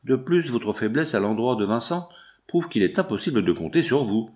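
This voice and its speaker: A man's voice: mid-range voice, animated, normal speed, a little mellow, close to an everyday voice. A man voicing a harsh middle-aged factory owner in an audiobook, speaking curtly. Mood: stern. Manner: curt, harsh. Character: stern middle-aged male factory boss.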